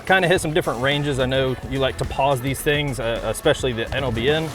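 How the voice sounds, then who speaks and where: A man's voice: mid-range voice, quick pace, fairly bright tone, faint music behind. Easygoing man chatting on a boat. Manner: easygoing, conversational. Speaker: fishing guide. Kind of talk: casual on-camera chat while fishing. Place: on a fishing boat outdoors at sea.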